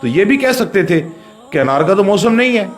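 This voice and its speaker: A man with a Pakistani Urdu accent delivers a storytelling sermon in a fairly high voice. He speaks straight to his listeners, sinking into quiet murmurs and then lifting into raised, emphatic phrases. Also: sing-song. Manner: narrates a religious story, shifting between low murmurs and raised emphatic lines; addresses listeners directly. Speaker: pir preaching a religious sermon.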